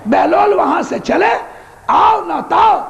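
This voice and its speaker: Preacher man at a mourning gathering, storytelling, shouting a lot, very lively pitch, old muffled tape. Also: gravelly. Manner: impassioned, often shouting, rhetorical. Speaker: religious orator. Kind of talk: Shia majlis sermon storytelling. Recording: dull lo-fi hall recording with faint crowd.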